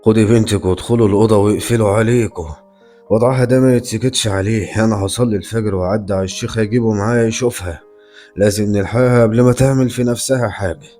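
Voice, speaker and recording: A man voice acting a stern, worried grandfather in a horror story, speaking low, firm and measured. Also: steady tone, mellow, faint music behind, close to an everyday voice. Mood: stern, urgent.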